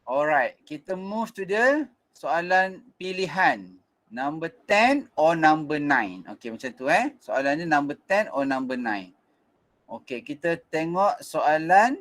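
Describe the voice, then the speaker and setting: A man's voice: fairly high pitch, big pitch swings, slow pace, a bit bright. A Malaysian man teaching an online physics revision class, mixing in English, with frequent fillers and restarts.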